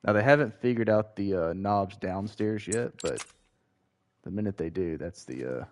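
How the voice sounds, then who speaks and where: A man with a mild Southern US accent, chatting with viewers in a relaxed, rambling way while gaming. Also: lowish voice, normal speed. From Georgia, US. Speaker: gaming streamer. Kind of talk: casual chat while gaming.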